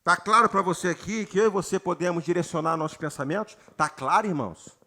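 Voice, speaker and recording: Brazilian male pastor mid-sermon; high, very bright voice, slow emphatic scripture reading, keeps checking in with the congregation. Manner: preaches with rising emphasis, addresses the congregation often; reads scripture slowly and has the congregation repeat words. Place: church retreat gathering.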